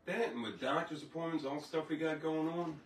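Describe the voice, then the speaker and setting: A man's voice: on the high side, fairly quick. A man co-hosting a casual live stream, reading viewer comments in a laid-back, rambling way. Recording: roomy, distant from the mic, faint background noise.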